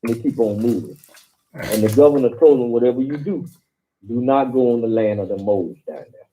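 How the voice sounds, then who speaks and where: A male caller on a talk show, telling stories in a rambling, halting way with many fillers. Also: medium pitch, warm tone, a little hiss or hum. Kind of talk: phone-in talk. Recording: tinny phone line.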